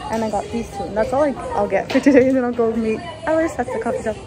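A woman's voice: a little high, racing, a crowd in the background, rough recording. A young woman in her twenties chatting casually to a handheld camera as she walks through streets and shops, giggly and full of fillers. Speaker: vlogger. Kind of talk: casual vlog chat to camera. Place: home kitchen, then streets, subway station and shops. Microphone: handheld camera at arm's length.

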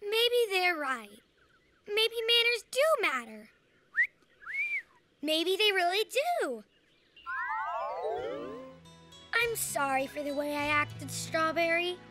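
Cartoon girl, brash and blunt, squeaky high, slow delivery. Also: animated, loud music behind the voice, exaggerated voice. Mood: remorseful. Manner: blunt and rowdy, learning politeness. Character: brash girl, quick-tempered then sheepish. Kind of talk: children's cartoon voice acting.

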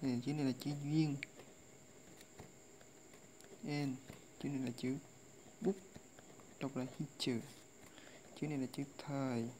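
Tutor, mid pitch, casual lesson delivery, slow repetitive drilling, faint background hiss. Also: warm tone. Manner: slow drilling recitation of readings, repeated over and over. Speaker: language tutor.

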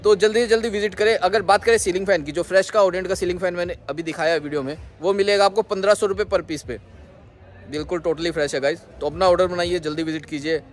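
Indian man, 30s, slightly high voice; casual wholesale-seller vlog host, brisk sales patter, handheld phone walkaround in a warehouse. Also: steady tone. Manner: brisk salesman pitch, addresses viewers as guys. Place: large warehouse and loading yard, partly outdoors. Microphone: handheld phone selfie camera, moving around.

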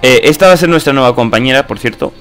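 A young male gamer with a Spain Spanish accent commentates casually as he plays. His voice is medium in pitch, with faint music behind. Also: fast talker, a bit bright. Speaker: gaming video host. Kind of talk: casual let's-play commentary.

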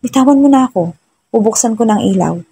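A woman's voice: medium pitch, a little fast, mellow, dry recording. A woman voicing a grumpy young husband. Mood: annoyed. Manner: irritated, gruff. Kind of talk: storybook narration.

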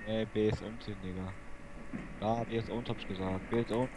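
A man raging and swearing at opponents while playing an online shooter, yelling in outbursts and muttering low in between. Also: fairly even intonation, brisk, background noise. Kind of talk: raging gameplay commentary.

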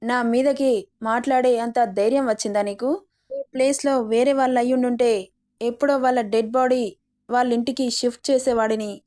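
Storybook reading: a woman voicing a possessive, menacing young man, taunting and threatening, a little high for him. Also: fairly even intonation, normal speed, warm tone, close to an everyday voice.

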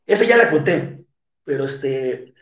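A man's voice: fairly high pitch, expressive, a little slow. A man with a Mexican accent, a wrestler guest in an interview, tells a rambling, crude, slang-heavy story and acts out the voices of the people in it. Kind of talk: casual storytelling. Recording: roomy, muffled lo-fi sound.

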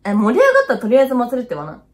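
A woman's voice: a little high, huge pitch swings, very fast. Blunt teasing young ex-clubber, a woman acting. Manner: blunt, teasing, casual slangy talk. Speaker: comedy sketch actor. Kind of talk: comedy sketch dialogue.

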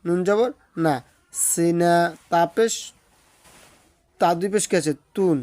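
Bangladeshi guy teaching recitation, spells everything out slow and patient, draws the words out singsong, voice on the higher side, dry no room sound. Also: darkish tone, smooth, no room sound. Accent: Bangladeshi Bengali. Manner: slow sing-song drawn-out recitation of words; patient methodical letter-by-letter spelling.

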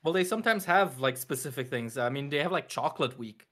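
A man's voice: medium pitch, animated, quick pace, a bit bright. A man co-hosting a podcast, chatting casually, laughing often and drifting into tangents. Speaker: podcast co-host. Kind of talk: casual chat.

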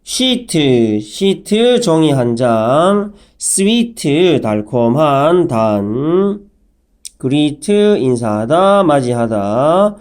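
Man, English phonics teacher, animated sing-song delivery, letter-by-letter spelling, clear lesson style. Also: on the high side, extremely slow. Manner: spells words letter by letter, with a pun now and then. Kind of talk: slow, clear vocabulary lesson.

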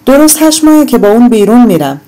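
A woman reading aloud plays a defiant young daughter who protests loudly and sharply, her voice pitched well above the reader's usual. The tone stays dark and mellow under the rising anger. It is an audiobook scene read by one performer. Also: sing-song. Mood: bitter. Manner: raised, indignant, protesting.

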